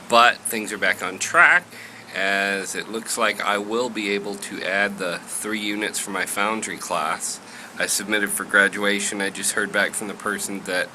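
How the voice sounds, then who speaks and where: A man's voice: on the low side, bright, forceful tone, a little hiss or hum, rough recording. A man in a casual daily vlog, talking in a chatty, self-deprecating way with frequent laughs, at home in his kitchen. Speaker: vlogger.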